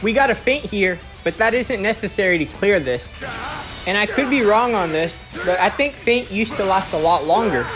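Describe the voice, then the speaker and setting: This gameplay guide voice-over, medium in pitch, walks through instructions in an animated way at a moderate pace. Music is clearly audible beneath the narration.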